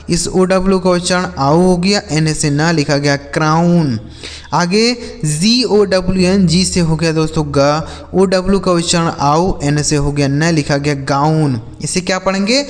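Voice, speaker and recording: High-voiced man teaching English spelling. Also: steady tone, long reverb tail. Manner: spells words letter by letter, then slowly sounds them out; keeps asking the viewers questions and calling them friends. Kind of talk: spoken phonics lesson.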